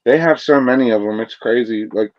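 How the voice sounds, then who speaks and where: A man's voice: mid-range voice, brisk, no echo. A man chatting casually and enthusiastically about his hobby, swearing freely as he goes. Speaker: whiskey enthusiast. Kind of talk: casual chat. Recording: dull lo-fi sound.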